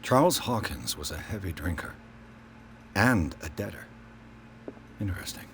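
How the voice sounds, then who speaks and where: Game private detective, very low voice, swooping intonation, composed, probing, noisy background. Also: male voice, sing-song, moderate pace, a bit bright, exaggerated voice. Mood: inquisitive. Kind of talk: video game dialogue.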